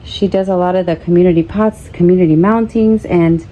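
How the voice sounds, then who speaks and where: A woman's voice: lowish voice, steady tone, brisk, mellow, rough recording. A woman chatting casually to viewers as a plant vlog host, effusive and repeating phrases, with Spanish words slipped into her English. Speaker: host of an orchid-growing vlog. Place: outdoors in an orchid pergola. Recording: clear ambient outdoor background noise.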